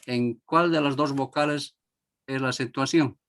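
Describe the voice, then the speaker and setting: A man's voice: mid-range voice, fairly even intonation, a little slow, a bit bright. A man teaching a grammar lesson to a class, repeating each example word and asking if everyone understood.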